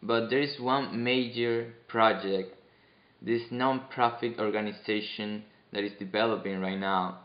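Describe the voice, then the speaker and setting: A man acts as interviewer, introducing his guest and asking scripted questions in a fairly low voice. His delivery sounds like an announcer's. The sound is roomy and slightly dull. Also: steady tone, measured pace. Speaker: interviewer host. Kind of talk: staged mock interview.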